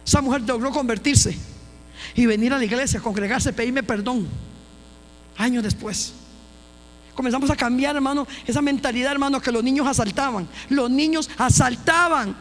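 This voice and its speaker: A woman's voice: sits high, normal speed. A woman pastor giving a personal testimony in a church, telling her story emphatically with repeated phrases and restarts. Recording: long hall reverb with faint mains hum.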